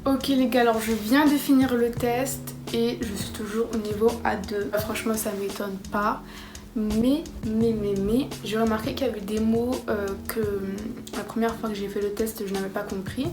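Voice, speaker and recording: A young woman vlogger chatting casually to camera, self-mocking and excitable. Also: a little high, moderate pace. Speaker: vlogger tracking her language learning. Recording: roomy echo with background music.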